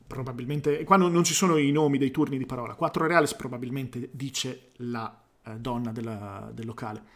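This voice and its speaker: A man reading a short story aloud during a live stream, unhurried, stumbling at times and going back over a line, with short asides of his own. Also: mid-range voice, fairly even intonation. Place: home streaming setup.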